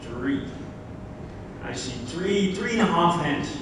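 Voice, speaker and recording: Very animated and fairly high-pitched, a Dutch man from the Netherlands speaks slowly during a keynote in a large conference hall. He chats with the audience and throws questions at them. The recording is swamped in echo, captured from afar, with background noise.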